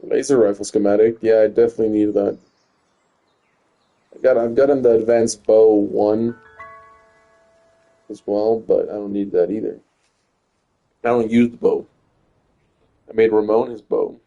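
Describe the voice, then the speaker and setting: With a lowish, gravelly voice and a steady tone, a young streamer talks at normal speed and pauses often while playing. The sound is phone quality with faint music behind, and his casual commentary is rambling, stuttering, restarting and heavy on swearing.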